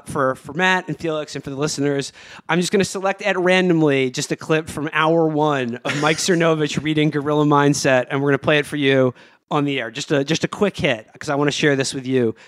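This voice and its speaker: A man's voice: fairly high pitch, a little fast. A man hosting a podcast segment in jokey, casual banter, setting up clips for listeners. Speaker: podcast host.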